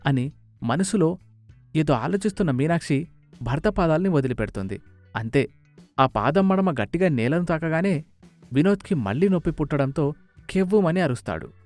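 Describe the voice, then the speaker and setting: A man narrating a scripted story, expressive and animated. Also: a little high, normal speed, long pauses, dry recording, soft background music.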